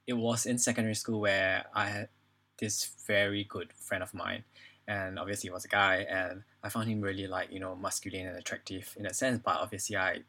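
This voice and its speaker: A podcast guest in his twenties, Singaporean-accented, uses a low, pushed and bright voice that stays level and moves briskly. It's a casual personal conversation, and he hesitates often, leaning on "like" and "you know".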